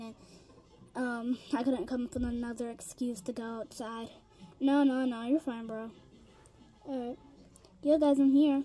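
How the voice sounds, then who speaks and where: A woman's voice: high-pitched, warm tone. A woman voicing kid characters in a pet toy role-play, rambling with lots of ums and restarts and slipping into whispered asides. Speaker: toy figure video creator.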